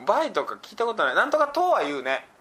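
A man hosting a relaxed radio talk show, reading listener messages aloud and laughing often. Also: sits high, fast, breathy edge. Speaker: radio personality. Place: radio studio.

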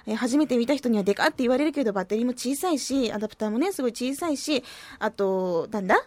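Woman, radio host, playful, self-mocking, lilt, high voice, dry studio. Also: lively intonation, fast, a little mellow, dry recording. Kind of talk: casual radio chat reading listener posts.

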